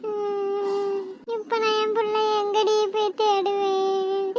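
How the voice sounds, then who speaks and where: A woman's voice: very high-pitched, level tone, measured pace, fairly bright tone. A woman voicing a village mother wailing in grief over her lost daughter in a cartoon. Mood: grieving. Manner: wailing, lamenting. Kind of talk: cartoon voice acting.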